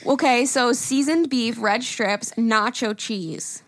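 A woman's voice: a little high, slow, dry recording, studio quality. A woman from Long Island with a Long Island accent, chatting casually and swearing freely with a friend. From Long Island, New York.

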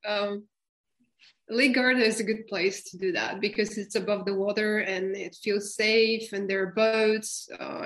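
Slow-talking woman, hesitant. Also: medium pitch, a bit bright, poor audio. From Bulgaria. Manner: hesitant, many fillers and restarts, laughs often. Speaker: guest. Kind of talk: casual interview chat.

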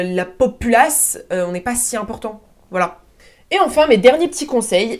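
A young woman hosting her own podcast, talking casually and informally with slang and plenty of fillers. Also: mid-range voice. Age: young adult. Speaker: podcast host. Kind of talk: casual solo podcast talk. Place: room at home, seated on a chair.

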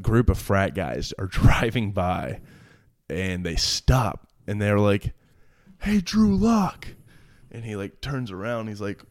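A man's voice: on the low side, clear, resonant tone, dry recording, clean studio sound. A young man in his twenties, a pro football player, chatting casually and telling stories with lots of fillers and laughs. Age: 20s. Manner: laid-back, many fillers, laughs while telling stories. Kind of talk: casual chat, storytelling.

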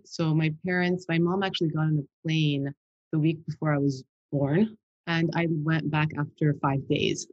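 Talkative and loose, a Washington DC woman guests on a casual interview, filling her answers with "like" and "you know". Her low-pitched voice comes through with the highs cut off.

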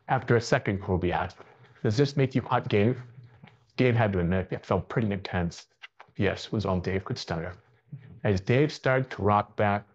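A man narrating a story aloud in a plain, steady reading manner, on a dull lo-fi recording. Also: low-pitched.

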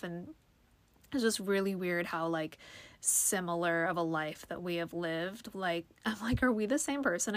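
Allergies leave this young podcast host a touch sniffly as she delivers a meandering solo monologue packed with fillers and restarts. She has a medium-pitched, slightly bright voice, captured with no room sound.

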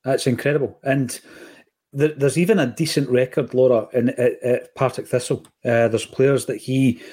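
A man's voice: medium pitch, normal speed. A man with a Scottish accent, co-hosting a podcast and telling football stories in casual chat. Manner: storytelling, animated when quoting others. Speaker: podcast co-host.

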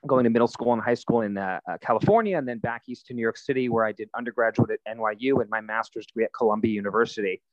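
A man's voice: mid-range voice, rapid-fire, hardly any pauses, no echo. Interview guest, man in his thirties, easygoing storyteller with lots of "uh"s, dry and muffled audio. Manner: relaxed storytelling, frequent fillers. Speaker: guest, nonprofit founder. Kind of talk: conversational interview answers.

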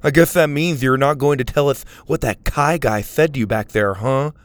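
A man's voice: medium pitch, normal speed, no echo, close to an everyday voice. A man voicing a brash teenage boy in a storybook reading, teasing and mocking. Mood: needling. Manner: needling, mocking.

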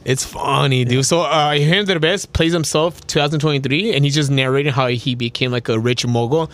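A man's voice: mid-range voice, fairly quick, fairly bright tone. A man co-hosting a casual chat in chummy slang, dropping in bits of Spanish. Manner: chummy, slangy, says dude often. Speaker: podcast co-host.

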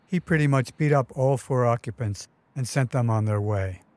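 A man's voice: mid-range voice, moderate pace, darkish tone, no echo. A man narrating his own memoir story in a vivid, wry storytelling manner. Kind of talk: first-person memoir narration.

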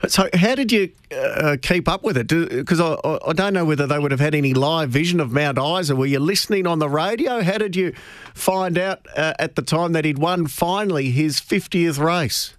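An Australian man hosts a racing radio show, introducing a story and interviewing a guest with eager, upbeat questions. His voice sits a little high. The sound is dry and close. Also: moderate pace, no echo.

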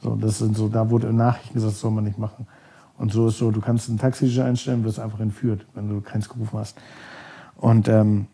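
A man's voice: on the low side, flat delivery, a little fast, vocal fry, mellow, husky. A man from Germany, a podcast guest, telling stories casually and rambling, often searching for words with many fillers. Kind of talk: casual storytelling.

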